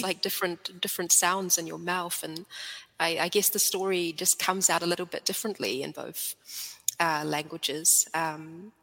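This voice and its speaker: A woman from New Zealand, whose first language is Swedish, is a storyteller guest in a casual interview chat. Her voice is fairly low in pitch but bright-toned, and she sounds thoughtful and hesitant, often using "um." The audio is poor, with a long reverb tail.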